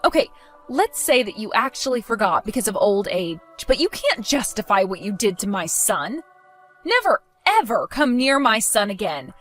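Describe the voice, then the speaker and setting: A woman's voice: mid-range voice, big pitch swings, moderate pace, a bit bright, soft background music. A woman voicing a protective young mother in a dramatized story, accusing and sarcastic.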